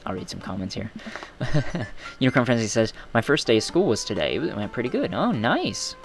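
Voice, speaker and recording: A man's voice: medium pitch, very animated, normal speed, faint music behind. A young man streaming a game, reading chat aloud and rambling in self-deprecating asides. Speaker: gaming streamer.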